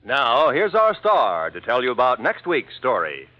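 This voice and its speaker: A man announcing the credits of a 1950s radio drama in a formal, booming delivery. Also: wildly swooping pitch, measured pace, no echo. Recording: muffled old radio broadcast with music.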